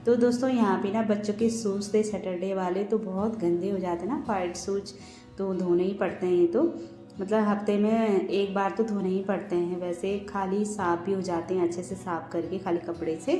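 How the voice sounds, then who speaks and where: A woman's voice: medium pitch, fairly even intonation, moderate pace, mellow. A woman vlogger and mother giving a chatty, casual voice-over of her daily routine, often talking to viewers as friends. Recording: roomy echo with faint background music.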